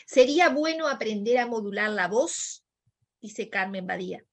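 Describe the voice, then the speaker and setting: A woman co-host reading out viewer comments and questions, briskly naming each commenter. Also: medium pitch, lively intonation.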